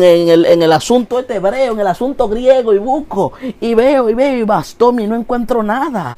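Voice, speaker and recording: A man telling a comic story in a mock-dramatic, animated way. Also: sits high. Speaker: comedian host.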